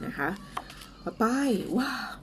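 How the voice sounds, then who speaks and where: A Thai woman teaching English in a casual lesson, speaking slowly and carefully as she drills pronunciation, with a few fillers. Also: background noise.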